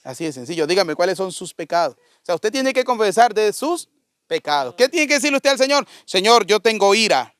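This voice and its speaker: A priest preaches in a conversational way, turning to his congregation with questions. His voice sits high for a man and sounds clean and resonant. The sound is dry and close. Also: very animated, brisk, a bit bright, no room sound. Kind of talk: sermon.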